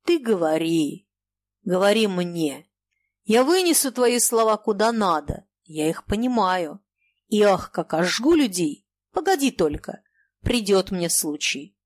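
A woman reading an audiobook, voicing a brooding young male merchant who speaks in a lowered, thick, persuasive voice. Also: sing-song, unhurried.

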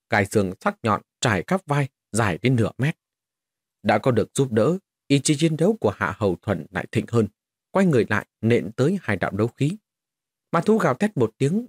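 A man's voice: mid-range voice, darkish tone, breathy edge, no echo, studio quality. A man narrating a fantasy novel as an audiobook, telling the story expressively.

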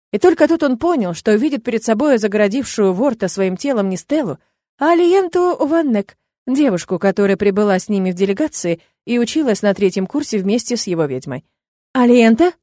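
A woman narrating a fantasy audiobook in a steady, even reading voice. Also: fairly high pitch, dry recording. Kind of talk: scripted narration.

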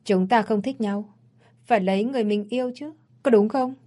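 A woman's voice: medium pitch, brisk, warm tone, natural voice. A woman voicing a frightened but stubborn young woman, pleading and defiant, in a read-aloud story. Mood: scared, pleading.

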